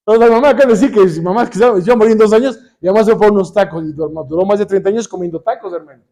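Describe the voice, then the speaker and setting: A middle-aged Mexican preacher with a high but mellow voice delivers a sermon. He keeps saying "hermanos" and puts questions to the congregation, slipping in joking asides. His tone is soft and rounded rather than bright. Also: very fast. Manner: says "hermanos" constantly, asks the congregation questions.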